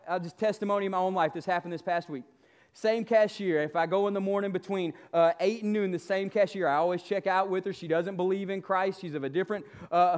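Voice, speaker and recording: High-pitched preacher man, exhorting. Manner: exhorting, motivational, seeking amens from listeners; emphatic, repeats key phrases. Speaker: pastor. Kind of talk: church sermon.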